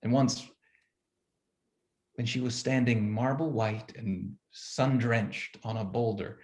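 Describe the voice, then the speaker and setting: A man's voice: mid-range voice, darkish tone. An actor playing Adam as a bemused young husband, reading his diary with dry, musing asides over a video call. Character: first man, gruff bemused young husband. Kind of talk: theatrical reading of a one-act play.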